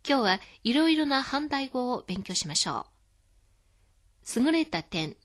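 A woman hosting a scripted radio lesson, explaining words calmly. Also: high-pitched, a little slow. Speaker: Chinese language teacher.

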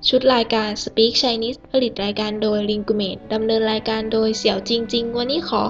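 A woman's voice: fairly high pitch, flat delivery, brisk, soft background music. A woman from Thailand hosting a language lesson, explaining pronunciation in a friendly way and repeating drill phrases. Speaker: host. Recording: dull muffled recording.

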